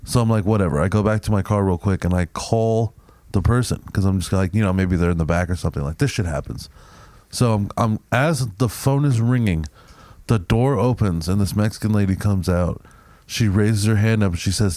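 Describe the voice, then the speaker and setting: With a fairly low pitch and a moderate pace, a male podcast co-host spins casual stories, playing both parties in the exchanges he recounts. He swears from time to time and uses "bro," and the recording has no echo.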